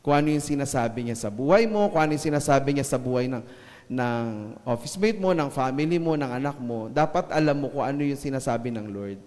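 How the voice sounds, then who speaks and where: A man giving a casual, joking sermon in mixed Filipino and English. He slows down and stresses the scripture lines. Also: medium pitch, animated, darkish tone, long reverb tail. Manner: joking asides with laughs, then slow emphatic scripture lines. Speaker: preacher.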